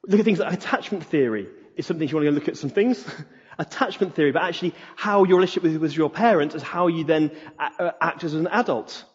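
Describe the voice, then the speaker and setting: A man's voice: a little high, fast, slightly rough. A man preaching a sermon in an earnest way, repeating key phrases for emphasis. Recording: reverberant hall, dull lo-fi sound.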